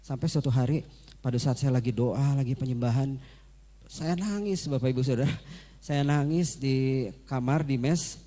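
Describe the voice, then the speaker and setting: Dark-voiced man giving church testimony. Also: medium pitch, moderate pace, long pauses. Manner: earnest, repetitive, often addresses the congregation directly. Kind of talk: sermon testimony to a congregation. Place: church service.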